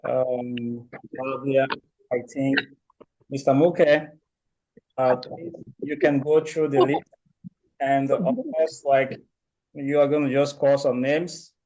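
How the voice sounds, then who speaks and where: A man hosting an online video meeting, speaking slowly with many pauses and fillers. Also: medium pitch, fairly even intonation, darkish tone, dull audio. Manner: slow, halting, many fillers. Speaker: meeting host.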